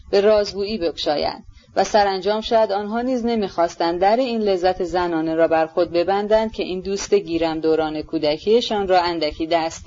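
A woman narrating a literary audiobook in a measured, even way. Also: fairly low pitch, lo-fi sound.

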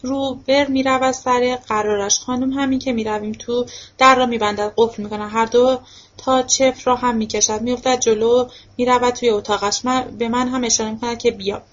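A woman narrating a novel for an audiobook in a steady first-person voice. Her voice sits fairly high, and the recording is dull and muffled, as if lo-fi. She reads at an even, unhurried pace. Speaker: audiobook reader.

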